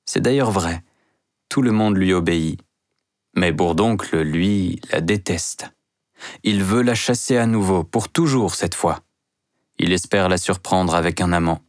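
Slow, low-voiced male storyteller. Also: no echo, clean studio sound. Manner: slow, deliberate reading. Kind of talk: scripted narration of a simplified novel.

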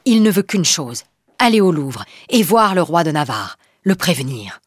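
A woman narrating a storybook with an expressive reading. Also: deep voice, moderate pace, slightly rough. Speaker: audiobook narrator.

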